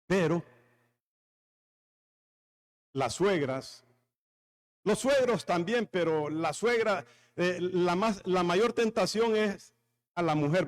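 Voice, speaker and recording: A male pastor with a Honduran accent preaches in a fairly high voice. He tells homely stories and jokes and keeps asking the congregation to answer back. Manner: jokey, storytelling, talks with the congregation. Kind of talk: sermon.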